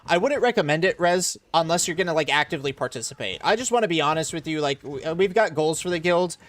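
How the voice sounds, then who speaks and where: A man's voice: a little high, lively intonation, quick pace. A young American man from Florida, casually talking through a live game stream and answering chat. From Florida, USA. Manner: chatty, explains while playing, reads chat aloud.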